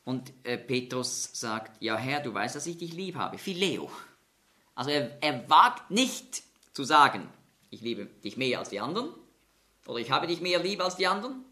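A man preaching a Bible-teaching sermon, explaining scripture in a measured way and slowing down to stress quoted words. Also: medium pitch, very animated, pushed and bright.

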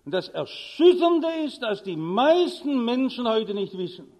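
A man's voice: extremely high pitch, sing-song, a little slow, a little mellow, big-room sound. A male preacher giving a sermon, telling vivid stories and delivering urgent warnings.

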